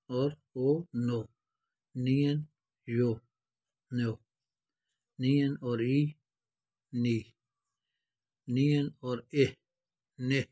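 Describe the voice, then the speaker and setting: Flat-voiced man teaching step by step. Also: medium pitch, no room sound. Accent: Pakistani. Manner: patient, repetitive step-by-step explaining. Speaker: language teacher. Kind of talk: explanatory lesson.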